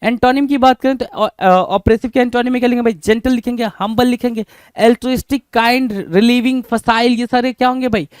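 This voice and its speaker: Indian guy, hindi speaker, high clear voice, vocab lesson, keeps quizzing everyone "bhai", dry close sound. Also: steady tone, a little fast, dry recording. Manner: keeps asking rhetorical questions, calling the viewers "bhai". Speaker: English vocabulary teacher. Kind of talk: exam-prep vocabulary lesson.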